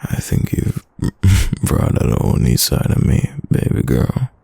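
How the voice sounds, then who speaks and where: A man playing a tender, protective, gently dominant boyfriend in a whispered role-play, murmuring intimately and soothingly in a breathy, gravelly low voice. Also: wildly swooping pitch, measured pace, no echo, full character voice. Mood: affectionate, gently dominant.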